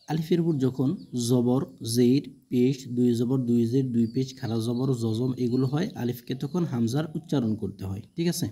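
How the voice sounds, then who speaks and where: A man teaching Quran reading, sounding out each syllable slowly and repeating it in a recitation lesson. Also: medium pitch, dark tone.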